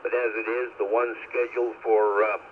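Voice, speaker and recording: A man's voice: fairly low pitch, level tone, moderate pace, a little hiss or hum. A man giving informal club announcements over a two-way radio. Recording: dull staticky two-way radio.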